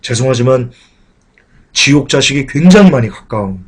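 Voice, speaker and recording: A man preaching a sermon with passion. He asks the congregation questions and swings between raised, emphatic lines and quiet, low talk. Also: animated, normal speed, husky. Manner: asks the congregation questions and addresses them directly.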